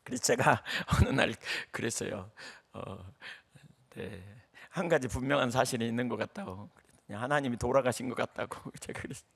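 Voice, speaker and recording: A man's voice: mid-range voice, normal speed, vocal fry, fairly bright tone. A middle-aged male pastor preaching a sermon, telling stories animatedly and acting out the voices of the people he counsels.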